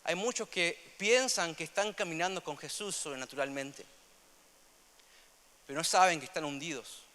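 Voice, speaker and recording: Young Rioplatense preacher, bright and high. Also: male voice, normal speed. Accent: Rioplatense Spanish. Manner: earnest, repetitive, swings between loud emphasis and soft asides. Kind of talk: sermon. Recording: long hall reverb.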